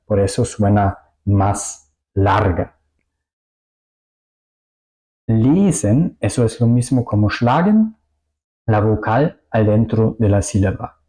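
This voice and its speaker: A German man speaks Spanish as a second language, with a few small slips, in a slow, deliberate teaching voice. His voice sits low and mellow, and he repeats each example word with care. He keeps pausing to check "ok?" with his learners. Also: low-quality recording. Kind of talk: language lesson explanation.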